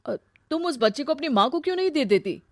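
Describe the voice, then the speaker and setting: A woman voicing a smooth-talking, self-assured young man in a family story, direct and persuasive. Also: high-pitched, lively intonation, fast, no echo, clean studio sound, voice pushed up. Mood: irritated, wary.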